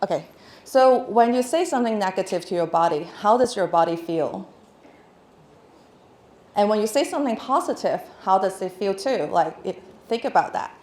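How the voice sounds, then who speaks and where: Her mid-range voice sounds animated and darkish as she talks at a normal speed, chatting and laughing through plenty of fillers and false starts. She's a Hong Kong woman in her thirties with a local accent, addressing an audience on stage in a big hall that echoes.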